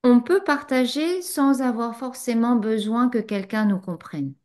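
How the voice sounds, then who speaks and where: At a satsang, a woman spiritual teacher replies to a student in a fairly high voice with a darkish tone. French isn't her native language, and she sounds reflective, pausing frequently with fillers.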